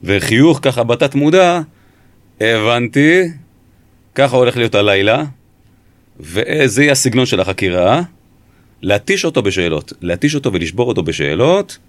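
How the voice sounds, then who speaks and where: A man, a former police interrogator, recounting in an interview how he questioned a suspect, speaking in a measured, emphatic way. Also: mid-range voice, big pitch swings, no room sound.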